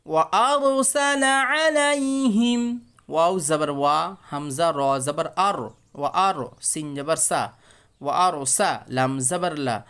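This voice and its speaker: Slow, smooth-voiced Bengali Quran teacher. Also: male voice, fairly high pitch, fairly bright tone. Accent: Bangladeshi Bengali. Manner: spells syllables slowly, then chants verses in a raised voice. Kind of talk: spelling-out recitation lesson.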